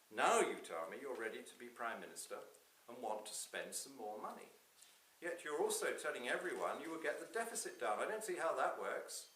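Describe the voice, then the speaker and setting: A man's voice: mid-range voice, sharp tone. A man reading as a stern Santa, roomy sound. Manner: grave, dismissive, admonishing. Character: stern, weary Santa lecturing petitioning politicians. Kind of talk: satirical Christmas story read aloud. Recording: roomy, distant microphone, clear hiss.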